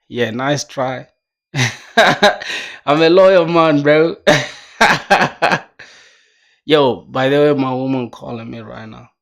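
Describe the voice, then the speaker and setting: A man's voice: medium pitch, takes it slowly, vocal fry, pauses often. A man in his twenties chatting casually on a coding livestream, laid-back and slangy, reading viewer comments aloud. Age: 20s. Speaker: streamer.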